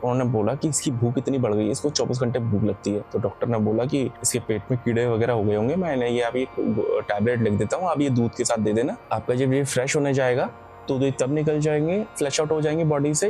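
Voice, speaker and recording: A man's voice: medium pitch, dark tone. A man casually telling a horror story, rambling and correcting himself with frequent filler asides. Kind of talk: casual spoken horror narration.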